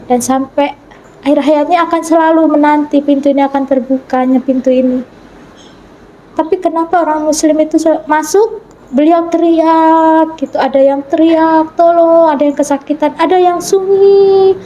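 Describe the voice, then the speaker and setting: A woman earnestly recounting a vision in an interview, acting out the dialogue in it, sometimes halting and restarting. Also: sits high, steady tone, mellow, slight background noise, rough recording. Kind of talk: personal testimony in an interview.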